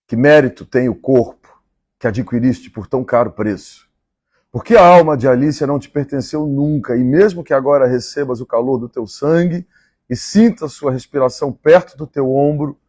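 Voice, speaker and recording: Man, Mineiro Brazilian accent, husky voice, mid pitch, measured literary reading, chatty asides. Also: a little mellow, dry recording, clean studio sound. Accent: Mineiro Brazilian Portuguese. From Minas Gerais, Brazil. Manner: measured, repeats favorite lines and chats between passages. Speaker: live-stream host reading a novel aloud.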